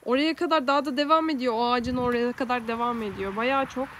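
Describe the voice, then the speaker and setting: A woman's voice: a little high, fast, fairly bright tone, a little hiss or hum. A woman chatting in a casual home vlog, thinking aloud and exclaiming as she films with a handheld camera in a garden. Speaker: vlogger. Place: garden outdoors.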